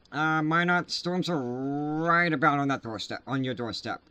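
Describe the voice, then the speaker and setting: A man hosting live severe weather coverage, talking casually and haltingly with many filler sounds at a desk mic. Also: fairly high pitch, sharp tone, no room sound. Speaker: livestream weather host.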